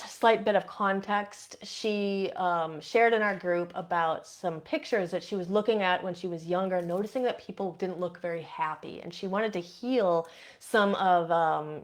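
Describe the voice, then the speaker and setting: A woman podcast host with a Midwestern accent softened by years in Boston chats through viewer comments. Her voice sits fairly low, and she talks in a loose, conversational way with plenty of fillers. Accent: Midwestern with a Boston influence. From Indiana. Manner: chatty, warm, reads out viewer comments, many fillers. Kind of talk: casual live-stream chat answering comments.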